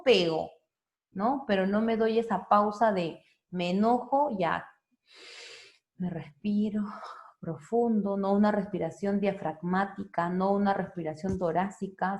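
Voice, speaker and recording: Gravelly woman psychologist. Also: mid-range voice, a little mellow. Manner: conversational, frequent tag questions; explains step by step with examples. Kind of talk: informal talk for parents.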